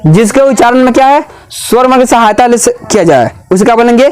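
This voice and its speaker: A man with a high-pitched voice teaches a grammar lesson in a classroom. He keeps firing questions at the class and repeats each answer back to them. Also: animated, fast talker, clear, resonant tone.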